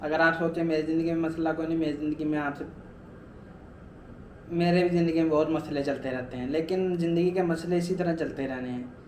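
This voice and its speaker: High-voiced young man in an echoey room. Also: steady tone, brisk, darkish tone, slight background noise. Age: 20s. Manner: earnest, repetitive motivational urging. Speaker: vlogger. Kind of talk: personal weight-loss vlog.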